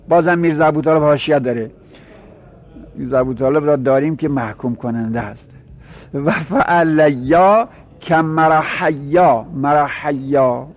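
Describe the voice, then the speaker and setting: Guy teaching grammar, reads slow then rattles off explanations, kinda high voice, dull muffled recording. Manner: reads verse lines slowly, explains quickly, quizzes students. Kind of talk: classroom lecture on grammar.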